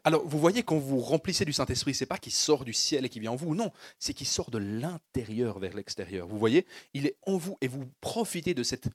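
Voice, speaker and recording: Husky, lively French-speaking preacher man. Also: medium pitch, fairly quick, few pauses, dry recording. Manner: call-and-response preaching with rising fervor. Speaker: pastor. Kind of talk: sermon.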